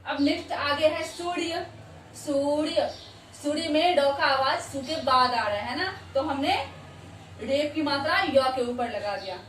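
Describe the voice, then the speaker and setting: High-voiced woman teaching in an echoey room. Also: a bit bright, far from the mic, a little hiss or hum. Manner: repeats words slowly and checks understanding often. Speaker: Hindi teacher. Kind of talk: classroom lesson for children.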